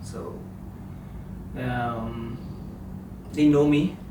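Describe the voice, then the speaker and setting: A man from Haiti explaining in an interview why he left, halting as he searches for words. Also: mid-range voice, fairly even intonation. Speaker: interviewee, refugee. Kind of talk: personal interview account. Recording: distant mic in a roomy space with loud ambient noise.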